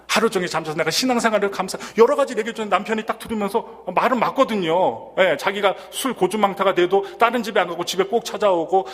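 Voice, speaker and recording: A male pastor preaching a sermon, telling a story with animated emphasis and rhetorical questions to the congregation. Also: a little high, long reverb tail. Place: church sanctuary.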